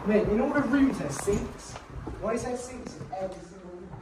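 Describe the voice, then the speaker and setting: A man's voice: high-pitched, a little fast, background noise. A young man, arguing his point with friends as they explore an abandoned building. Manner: argumentative, keeps insisting. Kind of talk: casual chat while exploring. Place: dark abandoned building indoors. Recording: echoey room picked up by phone.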